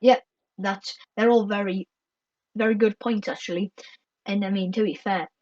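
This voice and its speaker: A woman's voice: mid-range voice, fairly even intonation, normal speed, darkish tone, dry recording, far from the mic, lo-fi sound. A woman co-hosting a casual podcast, rambling and filling her talk with "like" and "kind of.". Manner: rambling, heavy use of "like" and "kind of". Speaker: podcast co-host.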